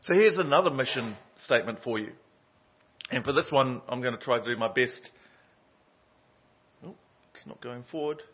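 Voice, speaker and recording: A man preaches a sermon in a loose, conversational way, often stopping on an um or uh. His voice is husky, and the recording sounds muffled and lo-fi. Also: mid-range voice, normal speed, pauses often. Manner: conversational, lots of ums and uhs. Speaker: pastor. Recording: dull lo-fi sound.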